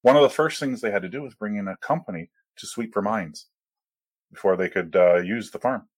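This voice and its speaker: A man with a fairly low voice and a touch of huskiness tells anecdotes in casual chat. The sound is dry, with no room to it, as he recounts his travels. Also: a little fast, slightly rough, no room sound.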